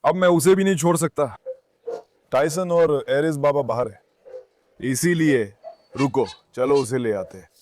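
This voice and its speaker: A man vlogging on his farm with a clip-on mic, calming his dogs with soft commands and chatting to viewers. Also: fairly high pitch, a little slow, long pauses, a little hiss or hum. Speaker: farm dog keeper and channel host. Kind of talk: casual vlog talk to camera and dogs. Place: outdoors on a farm.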